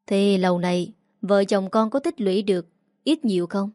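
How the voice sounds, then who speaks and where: A woman's voice: medium pitch, normal speed, mellow, no room sound, studio quality, natural voice. A woman voicing a scolding, sarcastic middle-aged mother-in-law in a read story. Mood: anxious questioning.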